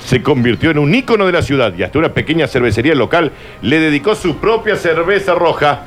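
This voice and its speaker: A man hosting a joking radio news chat, animated, with sudden high squeals. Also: fast. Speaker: radio show host.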